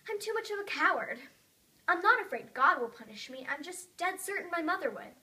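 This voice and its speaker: A woman with a high, very bright voice performs a memorized comic monologue. She is expressive and breaks into sudden loud bursts for comic effect. Her voice is caught from some distance away from the mic. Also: a little fast. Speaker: speech competition performer.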